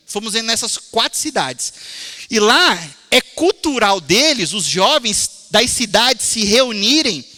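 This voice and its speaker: A Brazilian man preaching as pastor, telling animated stories to his congregation in a church. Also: extremely high pitch. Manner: animated storytelling, addresses congregation as brothers. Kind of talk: sermon. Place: church sanctuary. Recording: long hall reverb.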